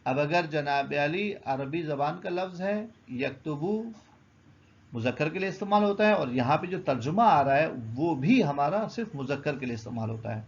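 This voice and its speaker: A man teaches a grammar lesson with a gravelly, slightly raised voice. He explains step by step and answers his own questions. The recording sounds muffled and lo-fi. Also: a little high, lively intonation.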